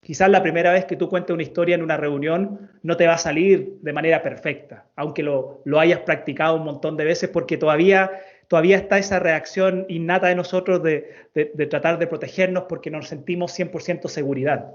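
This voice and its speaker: A man's voice: a little high, steady tone, a little fast. A man in his thirties, a storytelling coach, telling a personal story as a guest in an interview, earnest and fond of repeating words for emphasis. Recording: dull lo-fi sound.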